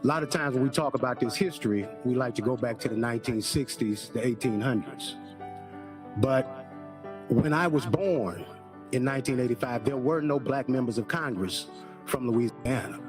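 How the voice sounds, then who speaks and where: Man, 40s, public speech, forceful, repeats lines, middle pitch, clear music behind. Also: normal speed. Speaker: speaker in a played clip.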